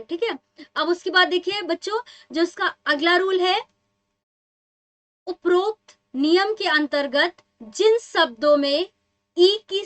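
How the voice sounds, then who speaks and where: A woman's voice: very high-pitched, fairly bright tone. A young woman teacher explaining spelling rules to students in a patient, repeating manner, often asking the class questions.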